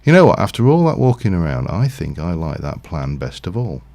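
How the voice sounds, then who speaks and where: A man's voice: low voice, very animated, a little fast, darkish tone. A man casually commentating his Minecraft livestream, rambling and thinking aloud with lots of fillers. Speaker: streamer.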